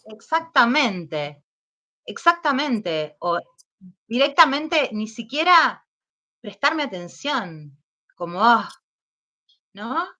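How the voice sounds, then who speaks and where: A woman with an Argentine accent, giving personal testimony as an interview guest, speaking slowly and hesitantly as she recalls painful events. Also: fairly high pitch, very animated, pushed and bright. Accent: Argentine Spanish. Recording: dull lo-fi sound.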